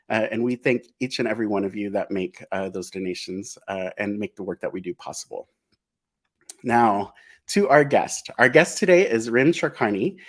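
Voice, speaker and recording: Upbeat man hosting a live stream. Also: mid-range voice. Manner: upbeat, effusive, many filler ums and uhs. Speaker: host.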